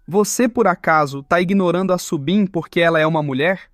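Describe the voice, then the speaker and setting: A man's voice: high-pitched, fairly quick, dry recording, clean studio sound, faint music behind, natural voice. Man playing a cocky, taunting young fighter. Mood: mocking. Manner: teasing, taunting.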